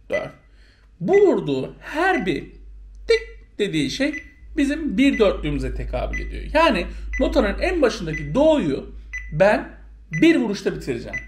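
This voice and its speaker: A woman's voice: fairly low pitch, darkish tone. A woman teaching a violin lesson, counting beats aloud and calling out note names. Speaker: music teacher. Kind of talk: instrument lesson. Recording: echoey room, faint noise.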